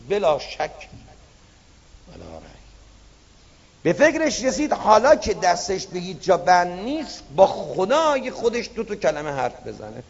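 A man's voice: high-pitched, long reverb tail. A male preacher telling a story in a sermon, dramatically drawing out repeated words. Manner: dramatic storytelling, drawn-out repetitions. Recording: dull lo-fi recording.

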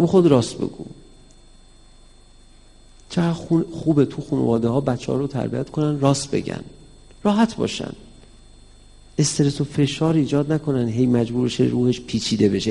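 Gravelly-voiced man lecturing in a reverberant hall. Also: medium pitch. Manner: lively, acts out quoted dialogue in a raised voice. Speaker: cleric teaching mysticism. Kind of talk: religious lecture to an audience.

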